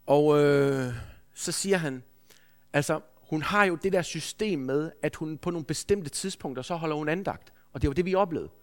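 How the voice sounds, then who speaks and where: A man preaching a sermon, telling a story in an earnest, anecdotal way with frequent restarts. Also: fairly high pitch. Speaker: preacher, school head.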